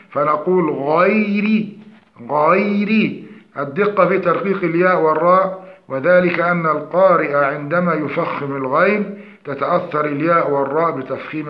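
A man teaching Quran recitation, explaining pronunciation errors and demonstrating the correct forms. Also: fairly high pitch. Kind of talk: tajweed lesson. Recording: echoey dull lo-fi room.

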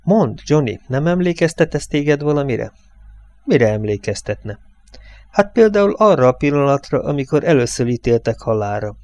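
A man's voice: medium pitch, lively intonation, darkish tone, dry recording, voice pushed up, natural voice. A man voicing a sardonic male truck driver in an audiobook. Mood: mocking.

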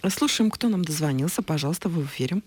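A woman presents a radio language show with a quick, animated voice. Guitar music plays under her. She introduces guests and takes callers. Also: sits low. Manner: brisk, lively presenting. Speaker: radio host. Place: radio studio.

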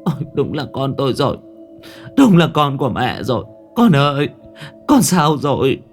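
A man voicing an elderly grieving mother with a high, quavering, tearful voice. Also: expressive, unhurried, soft background music, lightly acted.

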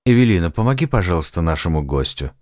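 A man narrating an audiobook who voices a calm, polite man from the far future, speaking in a measured way. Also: low voice, dry recording, clean studio sound.

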